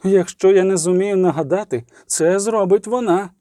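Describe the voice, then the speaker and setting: A man's voice: sits high, moderate pace, warm tone, no room sound, studio quality, pitched above the performer's own voice, close to an everyday voice. A man voicing a stern, imperious old queen who commands and scolds in a cold, ruling tone. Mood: commanding.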